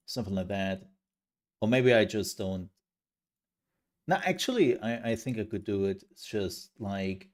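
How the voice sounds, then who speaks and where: Male streamer, low voice, unhurried, animated rambling chat. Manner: rambling, laughing, animated storytelling. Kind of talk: casual live-stream chat.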